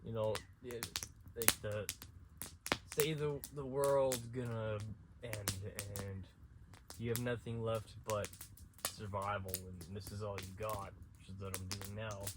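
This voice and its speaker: A man's voice: fairly low pitch, level tone, a little slow, noisy background. A man from central Saskatchewan telling stories to his camera in a casual, rambling way, with restarts and chuckles. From central Saskatchewan, Canada. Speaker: outdoor vlogger. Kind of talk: casual storytelling. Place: outdoors at night at an abandoned school.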